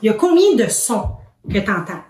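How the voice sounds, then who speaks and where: Asking lots of questions, a Québécois woman who teaches little ones stays patient and encouraging. She speaks at medium pitch with a sing-song lilt, a moderate pace and a darkish tone, recorded from afar in a roomy, echoing space.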